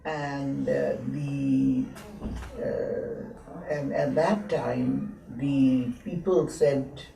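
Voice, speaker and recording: Slow-spoken gravelly woman in her seventies. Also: rumbling low, fairly even intonation, mellow. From born in Lahore, grew up in Abbottabad. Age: 70s. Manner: many hesitant pauses and fillers. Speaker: interviewee, textile historian. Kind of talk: slow reflective reminiscing. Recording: roomy echo, mic at a distance, faint hiss.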